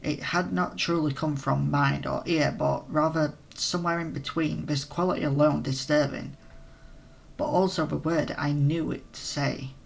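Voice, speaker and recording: A hoarse man who is losing his voice, narrating a role-play adventure in the first person and breaking off for casual asides. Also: a little high, steady tone, moderate pace.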